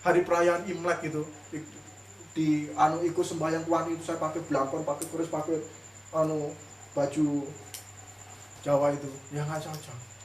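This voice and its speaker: A man's voice: a little high, flat delivery, normal speed, pauses often. A male pastor giving a casual, chatty sermon, telling stories with laughing asides. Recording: echoey room, distant mic, faint noise.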